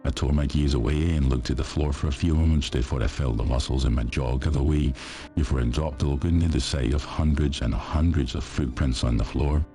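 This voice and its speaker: A man narrating a first-person horror story in a steady, measured way. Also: rumbling low, soft background music.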